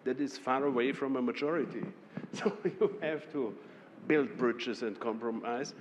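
A man with a German accent, a member of parliament speaking on a panel in a measured way, with short laughs and restarts. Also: mid-range voice, background noise. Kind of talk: panel discussion. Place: conference hall. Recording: reverberant hall with faint ambience.

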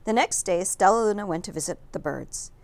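A woman's voice: mid-range voice, animated, brisk. A woman reading a children's picture book aloud as a storyteller, with careful phrasing and dramatic emphasis.

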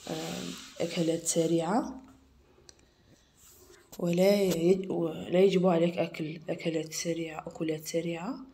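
A young woman teacher with an Algerian accent goes through an exam correction, slowly repeating each word to model its pronunciation. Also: lowish voice, a little mellow. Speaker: English teacher.

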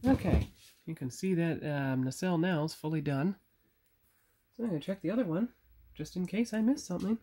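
A man's voice: a little high, brisk, long pauses, mellow. A man casually talking viewers through his model painting, thinking aloud and correcting himself, recorded on a phone camera at a workbench. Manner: chatty, self-correcting, talks to viewers while working. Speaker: model builder and channel host. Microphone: phone camera on a tripod.

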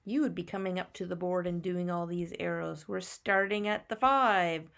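A woman's voice: lowish voice, normal speed, gravelly, fairly bright tone. A woman teacher narrating a maths lesson for young children, patiently teaching a child to count step by step with simple questions and answers.

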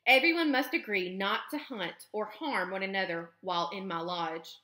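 Woman reading as a calm, gentle robot. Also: medium pitch, normal speed, lightly acted. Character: calm, kind female robot. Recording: roomy echo.

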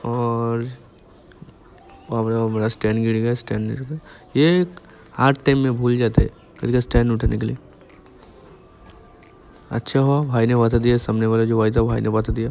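Here a motovlogger in his twenties speaks in a clean, darkish medium-pitched voice while riding a motorbike on a village road. Filmed outdoors by a helmet-mounted camera amid road noise, he chats casually and informally, calling viewers guys.

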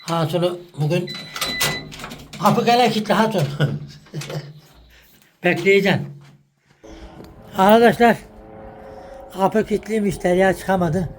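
A man's voice: high voice, takes it slowly, long pauses, a little hiss or hum. A man filming a casual village vlog outdoors, chatting and calling to his animals. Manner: coaxing animals with calls and teasing. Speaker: village vlogger.

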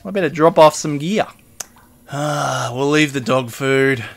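This gaming video host has a creaky, medium-pitched voice and a measured pace. He gives casual, wandering commentary during a survival game, muttering item names and laughing quietly to himself.

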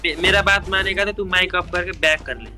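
A man's voice: sits high, a little fast, sharp tone, soft background music. A man in casual game voice chat, dismissive and insulting, swearing at another player. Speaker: random player in the match.

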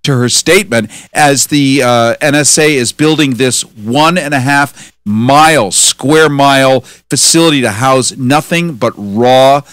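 A man's voice: medium pitch, measured pace, fairly bright tone, smooth, no room sound. A man hosting an interview, sarcastic and emphatic in his questions. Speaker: interviewer, host.

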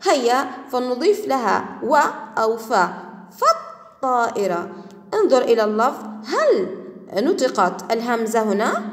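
Patient woman teacher, lively echoing voice. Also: a little high. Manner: patient, repeats words slowly and praises often. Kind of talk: classroom grammar lesson. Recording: echoey room with long reverb.

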